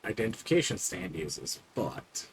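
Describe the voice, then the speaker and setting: A man's voice: lowish voice, very animated, normal speed, slightly rough, rough recording. A man casually commenting on his own gameplay, rambling and talking to himself with frequent fillers. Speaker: streamer.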